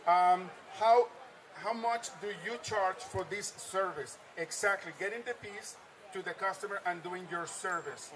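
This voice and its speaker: A man's voice: high-pitched, measured pace, a bit bright. A man hosting a live stream from a trade-show floor, reading viewer comments aloud and echoing his guests' answers in an upbeat way. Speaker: livestream host.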